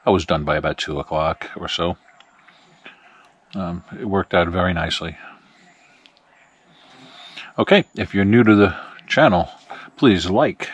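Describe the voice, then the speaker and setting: Deep-voiced man vlogging at his campsite. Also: breathy edge. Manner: relaxed, friendly, addresses viewers directly. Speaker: camping vlogger. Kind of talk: casual vlog talk to camera. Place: outdoors at a campsite by a campfire.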